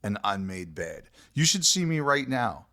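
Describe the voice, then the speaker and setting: A man's voice: on the low side, sing-song, a little slow, pushed and bright. A man co-hosting a podcast, chatting casually and joking at his own expense. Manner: self-deprecating, jokey. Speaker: podcast co-host.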